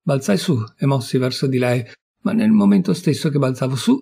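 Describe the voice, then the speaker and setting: A man's voice: medium pitch, lively intonation, fairly quick, creaky, mellow, slightly rough. A man reading a classic story aloud as an audiobook, intense and dramatic, rising into fury in the angry passages. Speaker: audiobook reader.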